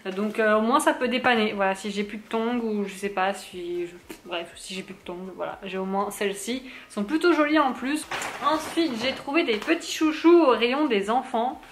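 A young woman with a voice on the high side chats casually at a moderate pace through a shopping haul vlog at home, moving to the kitchen. She uses many fillers and small laughs, and the recording has a little hiss or hum.

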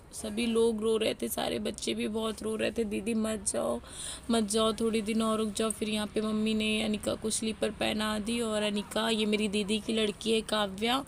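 A young woman from Uttar Pradesh narrates her family vlog in a chatty way, talking straight to her viewers. Her voice has a gravelly, creaky texture and stays fairly level in pitch. A faint noise sits under her voice. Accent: Uttar Pradesh Hindi. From Uttar Pradesh, India. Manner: chatty, addresses viewers as guys. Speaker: family vlogger. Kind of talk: casual vlog narration over footage.

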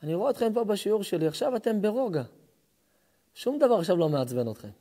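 Rabbi preaching to a crowd, man, mellow dark tone, fired up then going soft. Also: sits high, big pitch swings. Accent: Israeli Hebrew. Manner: impassioned, rising to near-shouts at the opening, then hushed and intimate. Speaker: rabbi giving a lesson. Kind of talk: sermon to a live audience.

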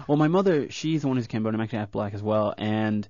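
In a casual radio-studio interview, a young man from rural Florida who works as a comedian reflects earnestly on his past, with fillers. He speaks fast in a lowish, slightly mellow voice. The recording is dry, with a dull lo-fi studio quality.

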